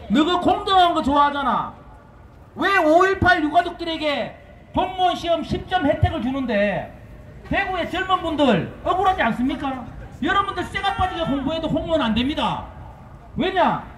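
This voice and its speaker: Fiery high-voiced man with a Daegu accent. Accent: Gyeongsang (Daegu). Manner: shouting, fiery, chants slogans, rhetorical questions. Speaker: rally speaker. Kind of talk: political rally speech. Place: outdoor street rally. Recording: echoey outdoor street, long reverb, faint noise.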